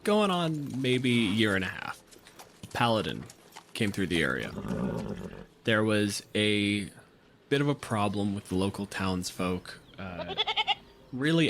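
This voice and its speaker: Improvising the story of a tabletop game, this game master and show host narrates conversationally and adds dramatic emphasis. His voice sits on the low side and is a bit bright, with slight background noise.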